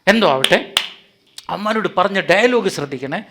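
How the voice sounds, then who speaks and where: A man preaching an animated sermon in a hall before a live audience, calling on listeners to answer aloud. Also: high-pitched, moderate pace, background noise. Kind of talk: lively sermon with audience interaction.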